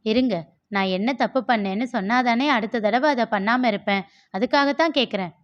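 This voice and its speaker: A woman's voice: a little high, brisk, natural voice. A woman voicing a loving, anxious young wife who pleads affectionately with her husband in a story reading. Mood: hurt. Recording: dull lo-fi.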